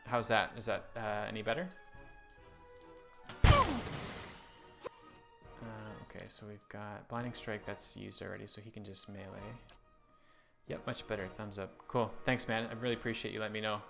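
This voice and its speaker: Low, gravelly male live streamer. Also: steady tone, normal speed, long pauses, over loud music. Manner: reads game text aloud and thinks out loud. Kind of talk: live game stream commentary, casual chat with viewers.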